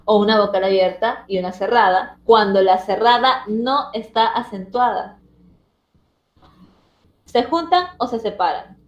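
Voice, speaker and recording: A woman's voice: medium pitch, measured pace. A woman teacher explaining a language lesson step by step and often checking that her students follow. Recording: roomy, dull lo-fi sound.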